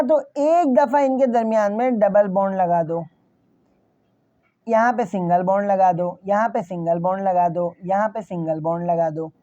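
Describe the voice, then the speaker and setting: A male chemistry teacher with a high, mellow voice walks his students through each step, posing questions and answering them himself. He repeats key phrases and talks straight to his class. The recording is dry, dull and lo-fi. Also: no room sound. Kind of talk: classroom lecture.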